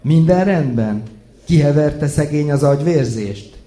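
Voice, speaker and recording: A man's voice: on the high side, lively intonation, mellow, voice pushed up, close to an everyday voice. A man reading out a kindly elderly aunt, talking in a fussing, raised voice. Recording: echoey room.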